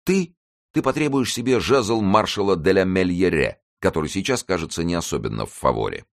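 A man reads as a quick-witted musketeer who stays dry and ironic. The voice is very deep. It is a storybook reading. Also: expressive, vocal fry. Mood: wry.

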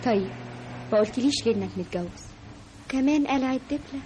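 A woman's voice: lively intonation, quick pace, noisy background. An actress playing a young woman in love who learns she was deceived, tearful and pleading, in an old radio drama. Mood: hurt, bitter. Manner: tearful, pleading, breaks into high cries. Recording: radio drama with music behind.

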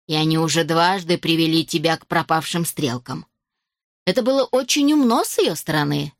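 A woman voicing a cold, haughty elderly female villain who speaks slowly and menacingly, in an audiobook. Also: on the low side, no echo, clean studio sound. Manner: slow, menacing, hissing.

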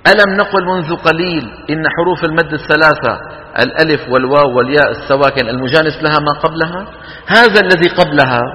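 Guy teaching tajweed, bright sharp voice, keeps asking the class stuff, echoey hall. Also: fairly high pitch, lo-fi sound. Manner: lively, asks the class questions and demonstrates long vowels. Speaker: Quran recitation teacher. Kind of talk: classroom lecture. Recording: hall with long reverb.

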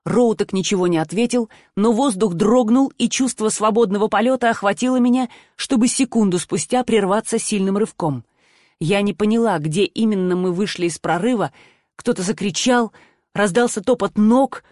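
A woman reading a first-person audiobook in a measured storytelling manner. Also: medium pitch, darkish tone, no room sound, clean studio sound. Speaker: audiobook narrator.

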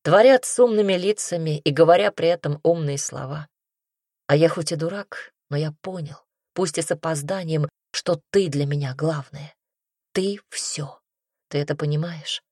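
A woman voicing a remorseful, lovesick young man in an audiobook, speaking slowly with sighs and pleading. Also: deep voice, darkish tone, dry recording, studio quality. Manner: slow, sighing, pleading delivery. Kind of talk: audiobook reading.

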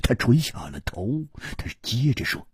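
Slow, husky male storyteller, wide-swinging voice. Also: mid-range voice, very animated, no room sound, studio quality. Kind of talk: traditional storytelling.

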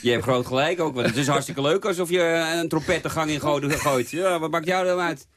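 A man's voice: on the high side, brisk, fairly bright tone, slight background noise. A man hosting a radio talk show, asking blunt, teasing and provocative questions. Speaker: radio host.

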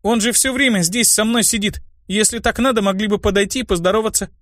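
A man's voice: sits high, fast talker, a bit bright, no echo, voice pushed up. A man voicing a blunt, curious little girl in a fantasy audiobook. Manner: blunt, matter-of-fact.

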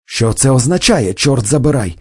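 A haughty young aristocrat, as a male reader puts him on, stiff with family pride, his voice husky and mellow. The pitch moves widely, and the read is close and dry. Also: animated, normal speed, no room sound. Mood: indignant. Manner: indignant, breezy.

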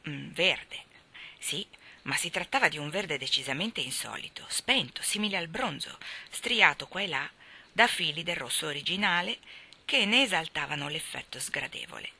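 A woman reads a storybook aloud with expressive narration. Her voice is strikingly bright, with a gravelly texture. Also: low-pitched, normal speed. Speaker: reader. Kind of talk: audiobook narration.

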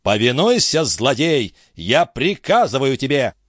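A man's voice: mid-range voice, very animated, measured pace, no echo, studio quality, pitched above the performer's own voice. A man voicing a stern, wrathful old nobleman who commands his son. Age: older. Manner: commanding, threatening.

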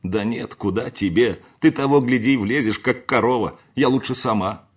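A man's voice: medium pitch, normal speed, husky, voice pushed up, natural voice. A man voicing a fussing tender mother. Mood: bossy. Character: fretting tender mother, gentry lady.

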